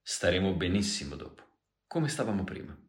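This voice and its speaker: A man with a very deep voice reading the part of an American man who talks in a reassuring, persuasive way. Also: big pitch swings, normal speed, roomy sound. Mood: insistent. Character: American man, coaxing and insistent.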